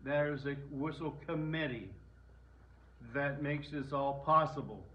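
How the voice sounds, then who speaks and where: A man's voice: fairly high pitch, slow pace, a bit bright, slight background noise, low-quality recording. An older man, speaking informally to an audience as the whistle player, plain and folksy with restarts, in an indoor room.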